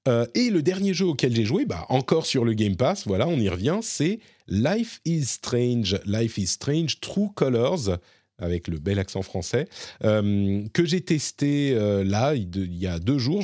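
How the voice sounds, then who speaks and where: A man co-hosting a casual live stream chat about video games, talking in a relaxed, hesitant way with many fillers and restarts. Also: fairly low pitch, no room sound, clean studio sound. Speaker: gaming stream co-host.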